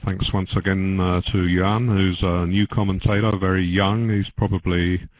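An older man with a very deep voice gives relaxed bridge commentary with a dry sense of humour. His speech is halting and full of fillers. The recording is dry and close, with no room sound. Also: no room sound, poor audio.

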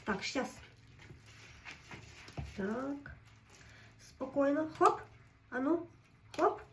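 High-voiced woman fretting through cooking. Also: very slow, distant mic, background noise. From Ukraine. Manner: fretful, keeps telling herself to stay calm. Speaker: home cook vlogger. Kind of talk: casual running commentary while cooking.

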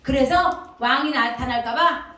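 High, bright woman teaching children. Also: measured pace. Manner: animated, sing-song, quizzing children directly. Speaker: Sunday school teacher. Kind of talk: children's sermon. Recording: echoey hall from far off.

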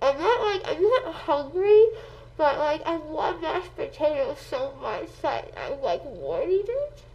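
A woman's voice: sits high, very animated, measured pace, darkish tone, recorded from a distance. A teenage girl chatting casually after wisdom teeth removal, tearful and giggly, slurring through a numb mouth full of gauze. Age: teens. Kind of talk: casual chat to camera. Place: inside a car, then a living room. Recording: muffled, noisy handheld camera audio.

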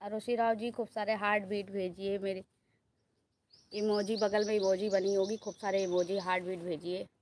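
A woman's voice: medium pitch, flat delivery, moderate pace, darkish tone, slight background noise. A woman on a casual pet live stream, coaxing and scolding her cats and asking viewers to like her post. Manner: coaxing, scolding pets, pleading with viewers for likes. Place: home with cats.

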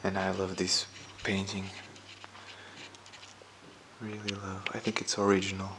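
A man quietly commenting as he explores a dark abandoned house, half-whispering at times, recorded on a handheld camera. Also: low-pitched, monotone, measured pace, noisy background. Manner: hushed, half-whispered remarks. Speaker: urban explorer.

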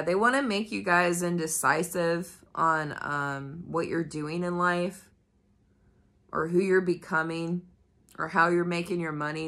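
Her voice is lowish but pushed and bright, nasal from the cold she's coming down with. Indoors at a floor-level table, this tarot reader talks casually to viewers, swearing freely and peppering her speech with fillers, while the camera shows the cards and not her.

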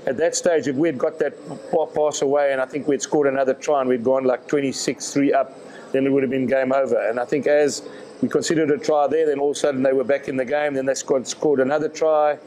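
A man, answering reporters' questions at a post-match press conference in a measured way, often repeating words as he thinks. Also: mid-range voice, steady tone, mellow, slight background noise, rough recording. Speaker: rugby director of rugby.

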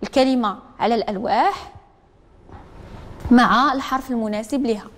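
A woman's voice: on the high side, moderate pace, a little hiss or hum. A woman with a Moroccan Arabic accent teaching a literacy class, drilling pupils to repeat after her. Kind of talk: classroom lesson. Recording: echoey classroom with long reverb.

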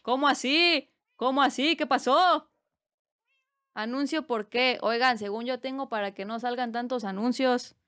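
A woman's voice: on the high side, unhurried, a bit bright, clear, resonant tone. A Mexican woman streaming live, chatting casually and reading chat aloud with playful teasing and bursts of squealing laughter.

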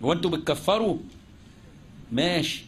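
Brisk and expressive, a man with a voice on the high side delivers a religious lesson on Islamic jurisprudence in an Egyptian Arabic accent, with a little hiss or hum in the recording. He answers his own questions and combines formal classical phrasing with colloquial language.

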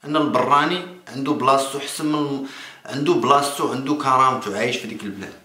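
A man in his thirties with a Moroccan accent, giving spontaneous political commentary to camera in a halting way, repeating and restarting phrases. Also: medium pitch, bright, forceful tone. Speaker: political vlogger. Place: small indoor room. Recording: echoey room.

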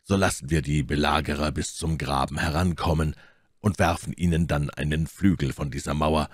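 A cool-headed musketeer speaks in a quiet, level, almost indifferent tone, as a male reader puts him on. The voice sits very low and deep, recorded dry and close. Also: fairly even intonation, normal speed, dry recording. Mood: calm, indifferent. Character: calm, cool-headed musketeer, grown man.

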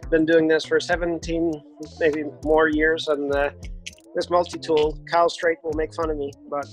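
A man, a bike race mechanic, chatting in a relaxed, joking way about his tools. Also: fairly high pitch, normal speed, soft background music. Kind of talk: casual chat.

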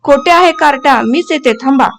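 A woman's voice: high-pitched, brisk, vocal fry, a bit bright. A woman voicing a strict but loving village mother who scolds her son sharply. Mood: angry scolding. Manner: scolding, commanding.

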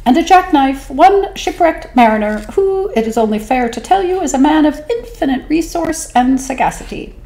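A woman voicing a small, clever fish in a storybook reading, speaking in a high, knowing voice. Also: lively intonation, warm tone, low-quality recording. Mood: clever, eager. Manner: quick, knowing, high-pitched.

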